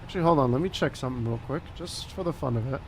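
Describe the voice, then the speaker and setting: A man running a flight sim cockpit, reading checklist items and making radio calls to a controller over a headset mic, halting and full of fillers. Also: medium pitch, slight background noise. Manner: slow, halting, with many fillers and restarts. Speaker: flight simulator pilot.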